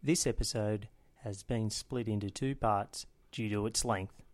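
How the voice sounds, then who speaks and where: A man's voice: on the low side, fairly even intonation, a little slow. A man hosting a local football history podcast, reading a formal intro and then interviewing a guest.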